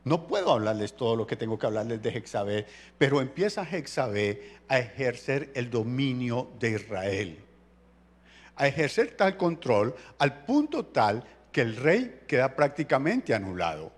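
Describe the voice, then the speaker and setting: A pastor, preaching a sermon in a colloquial, jokey storytelling way. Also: male voice, medium pitch, very animated, unhurried, slightly rough.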